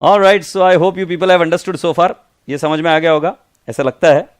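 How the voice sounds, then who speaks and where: A man with an Indian accent teaching an accounting class online. He mixes Hindi and English, reads textbook lines out slowly and calls his students "beta". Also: on the high side, steady tone, clear, resonant tone. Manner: addresses students as beta, chatty asides.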